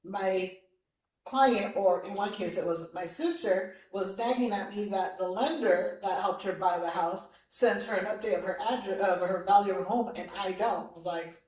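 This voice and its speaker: A woman's voice: mid-range voice, moderate pace, darkish tone. A woman in a work meeting, explaining things in a practical, matter-of-fact way. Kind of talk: meeting discussion. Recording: echoey room, mic far off.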